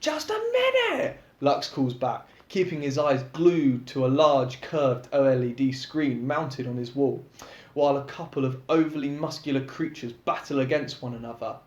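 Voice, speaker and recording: A man's voice: mid-range voice, fairly even intonation, moderate pace, a little mellow. A young man reading his own book aloud, narrating in a casual, chatty way with asides to listeners. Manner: casual, chatty, laughs between chapters. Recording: echoey room.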